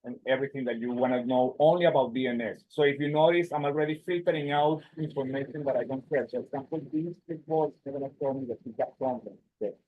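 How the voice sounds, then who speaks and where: A man walks through a live tech demo, his voice muffled as though it came through a wall. He often stumbles and repeats words, and the audio is thin and phone-like. The sound is dry, with no room echo. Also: mid-range voice. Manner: halting, repeats and restarts words. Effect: muffled, as if heard through a wall. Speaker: presenter. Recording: muffled, tinny video call audio.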